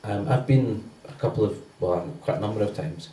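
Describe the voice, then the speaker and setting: Low mellow man giving church notices. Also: moderate pace. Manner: loose and conversational, many fillers. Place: church hall. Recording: roomy church sound from a distance.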